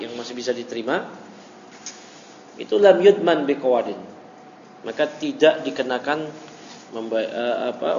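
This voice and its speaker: A man's voice: medium pitch, a little mellow. A male religious teacher giving a study lecture, reading Arabic text and explaining it in casual speech, acting out quoted dialogue. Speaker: ustadz teaching a classical text. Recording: echoey hall, dull lo-fi audio, faint hiss.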